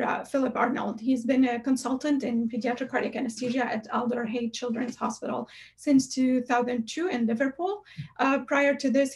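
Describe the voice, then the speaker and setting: A woman in her thirties with a fairly high voice and very little pitch movement. She moderates an online session, giving formal introductions over a video-call microphone. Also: poor audio. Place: indoor room at home, on a video call. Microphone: computer microphone on a video call.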